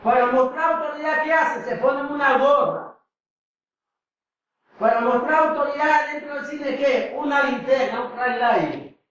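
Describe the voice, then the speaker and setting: A male pastor preaching a sermon, shouting at the peaks and calling for applause. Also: very high voice, highs cut off, slight background noise. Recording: echoey hall from far off.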